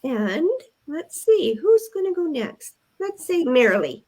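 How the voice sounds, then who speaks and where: A woman's voice: high-pitched, sing-song, measured pace, darkish tone. An older woman from Canada hosts a casual group video call in a friendly, organized way. She keeps things moving and reads short passages aloud. The sound is a typical video-call mic. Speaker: host.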